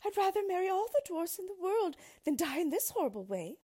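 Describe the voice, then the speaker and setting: Young fairy-tale princess , woman reader: proud yet fearful, high and very animated, dramatic delivery. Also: normal speed, slightly rough, heavily acted. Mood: terrified, pleading. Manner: pleading, indignant, dramatic.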